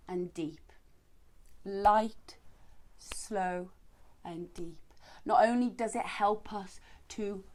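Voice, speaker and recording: A woman instructing as a yoga teacher, guiding breathing in short, measured, spaced phrases. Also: mid-range voice, a little mellow.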